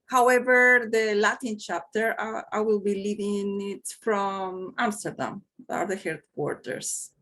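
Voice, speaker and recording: A woman's voice: medium pitch, fairly even intonation, measured pace, hardly any pauses, a bit bright. Eager woman from Chile. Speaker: guest, new chapter lead. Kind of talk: casual conversation. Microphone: video call.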